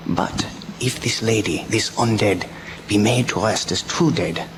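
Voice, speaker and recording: Man playing low-pitched, solemn vampire-hunting professor, noisy recording. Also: unhurried, lightly acted. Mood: solemn, explanatory. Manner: solemn, oratorical, stilted foreign phrasing. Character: grave, commanding vampire-hunting male professor. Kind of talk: radio drama acting. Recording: noisy amateur local radio recording.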